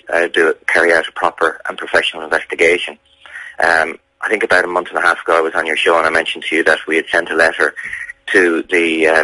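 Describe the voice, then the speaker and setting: An Irish man being interviewed on the radio, speaking insistently in a halting way with repeated words. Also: low-pitched, sharp tone, no room sound, poor audio. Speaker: campaigner interviewed about a family member's case.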